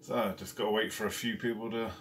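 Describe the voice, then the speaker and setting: A man's voice: lowish voice, flat delivery, fast, fairly bright tone, slight background noise. A man hosting a casual live stream from home, chatting and greeting viewers one by one by name. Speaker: carp fishing channel host. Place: at home, indoors.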